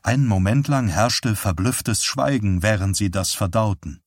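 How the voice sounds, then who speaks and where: A man's voice: fairly low pitch, a little slow, dry recording. Man narrating an audiobook, dry sound. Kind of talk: scripted narration.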